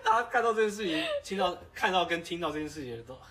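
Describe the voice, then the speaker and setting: A podcast co-host with a Taiwanese Mandarin accent trades fast, teasing remarks in a lively, swooping voice. The voice sounds a little distant from the microphone. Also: medium pitch, very noisy. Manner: teasing, quick banter. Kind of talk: casual chat.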